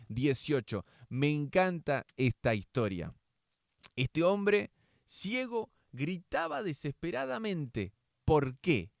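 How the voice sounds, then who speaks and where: A man's voice: mid-range voice, no room sound, clean studio sound. A man reading the Bible aloud expressively and adding devotional commentary. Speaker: Bible reader.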